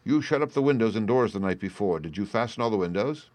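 Casting: shrewd gentleman sleuth, voiced by a male reader, courteous, probing, authoritative, brisk manner, dry close recording. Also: fairly low pitch, lively intonation, no echo, voice pushed up, natural voice.

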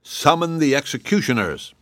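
A man voicing a cruel, quick-tempered male gnome king who roars and snarls his threats. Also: a little high, sing-song, no echo, studio quality, pitched above the performer's own voice. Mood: gloating.

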